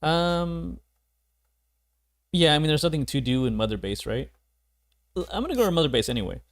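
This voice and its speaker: A young man with a fairly high, expressive voice streams a video game at normal speed, rambling through casual commentary. He laughs a lot and swears offhandedly, with game music playing in the background.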